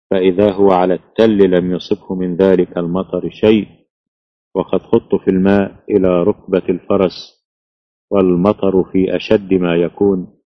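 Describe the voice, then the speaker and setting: A man reading a classical text aloud in a slow, measured, even recitation. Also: deep voice, no echo. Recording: dull lo-fi, dry.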